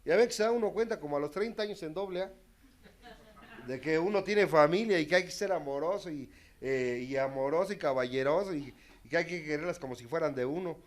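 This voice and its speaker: Man, testimonial talk, higher-pitched, frank and wry, big swings in volume. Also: a little fast. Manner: candid, self-mocking, dramatic swings in loudness. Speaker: speaker sharing his recovery story.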